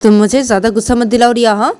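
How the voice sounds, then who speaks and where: A woman's voice: a little high, fairly even intonation, racing, a little mellow, close to an everyday voice. A woman voicing an angry young woman who scolds her girlfriend insistently. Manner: scolding, insistent, repeats the name.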